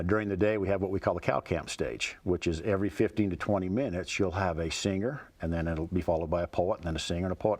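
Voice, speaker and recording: Folksy man with a lowish voice. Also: a little mellow. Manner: folksy, plainspoken. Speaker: interview guest, cowboy poet. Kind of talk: casual interview chat.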